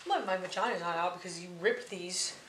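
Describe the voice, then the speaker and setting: A woman's voice: on the low side, fairly quick, fairly bright tone. A young woman co-hosting a casual food vlog, telling stories in a blunt, sarcastic way. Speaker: vlog co-host. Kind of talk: casual storytelling over a meal. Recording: echoey room with background noise.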